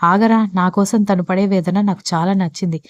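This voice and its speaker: A woman's voice: medium pitch, steady tone, moderate pace, dry recording, natural voice. A woman voicing a playful, bossy young man in love in a storybook reading. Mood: teasing. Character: young man, teasing and scheming lover.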